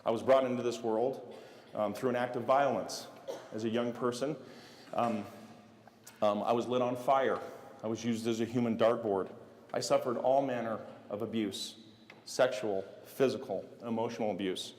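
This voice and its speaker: Animated man telling stories in a big hall. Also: mid-range voice. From United States (Las Vegas). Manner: animated storyteller, acting out scenes with sound effects. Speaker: keynote speaker. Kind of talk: motivational storytelling speech. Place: large hall. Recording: echoey hall with long reverb.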